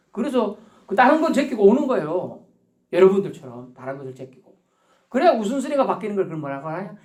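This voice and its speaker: Animated preaching male pastor. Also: high-pitched. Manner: animated preaching, acts out little scenes with laughter. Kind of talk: sermon. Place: church sanctuary.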